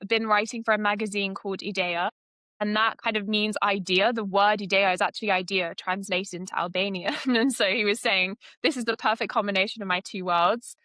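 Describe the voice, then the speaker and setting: A British woman in her twenties, an AI consultant, answers a podcast interviewer's questions enthusiastically and laughs often. Her medium-pitched voice is bright and forceful with fairly even intonation, her pace is a little fast, and there is no room sound.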